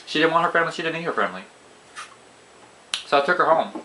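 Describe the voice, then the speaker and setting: A young man telling a casual story to camera, voice jumping up high when he quotes himself. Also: expressive, quick pace, sharp tone, a little hiss or hum, rough recording. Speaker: vlogger. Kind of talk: casual story time while eating.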